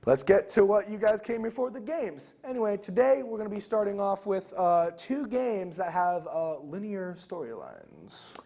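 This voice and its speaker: A man's voice: high voice, very animated, normal speed, few pauses, mellow. A young man co-hosting a casual gaming talk show, rambling loosely with many fillers. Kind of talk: casual chat.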